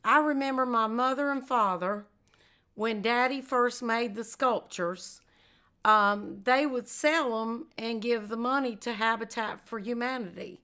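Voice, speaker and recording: An older woman speaking slowly and tenderly as she is interviewed, repeating her lines over several takes. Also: on the high side, bright, forceful tone. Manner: slow, tender and heartfelt.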